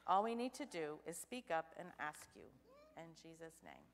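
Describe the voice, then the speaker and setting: A young woman giving a children's sermon in church, asking the children questions in an animated way. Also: sits low, normal speed. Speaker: children's message leader. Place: church sanctuary. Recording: church hall reverb.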